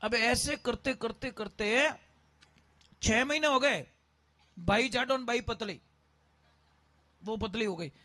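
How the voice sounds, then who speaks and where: Preacher guy, really high voice, lively story sermon, acts out the dialogue. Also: takes it slowly, long pauses, no room sound.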